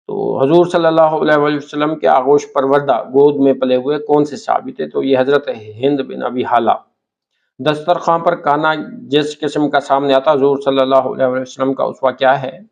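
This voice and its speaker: A man's voice: mid-range voice, steady tone, vocal fry. A male teacher with a Pakistani Urdu accent giving an exam-prep lecture, reading out questions with their answers and listing synonyms one at a time. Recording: dull lo-fi recording.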